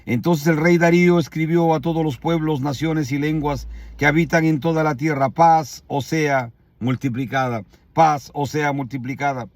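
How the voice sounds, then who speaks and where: A male preacher tells a scripture story in a sermon, repeating his points for emphasis and asking the listeners questions. His voice sits a little high for a man, and the sound is close and dry. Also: steady tone, moderate pace, hardly any pauses, no echo. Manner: emphatic, repetitive, with rhetorical questions.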